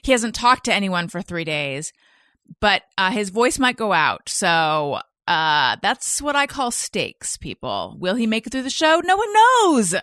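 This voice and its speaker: A woman's voice: medium pitch, huge pitch swings, unhurried, fairly bright tone, no room sound, studio quality. A woman hosting a casual chat, playful and teasing, laughing often. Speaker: podcast host.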